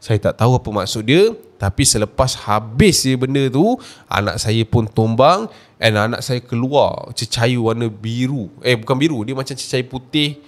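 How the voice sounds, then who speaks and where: A man's voice: mid-range voice, expressive, moderate pace. A man with a Malaysian Malay accent, retelling a horror story in the first person, casual and speaking straight to the listener. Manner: casual, addresses the listener directly.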